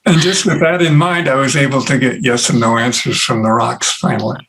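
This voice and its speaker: Man, interview guest, unhurried storytelling, lots of pauses, medium pitch. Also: fairly even intonation, a bit bright, rough recording. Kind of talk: casual conversation.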